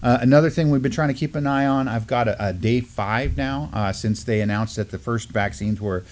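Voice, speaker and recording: A middle-aged man co-hosts a live news talk show from a desk in a small studio with a mottled backdrop. His medium-pitched, darkish voice runs a little fast as he chats casually, full of fillers and restarts.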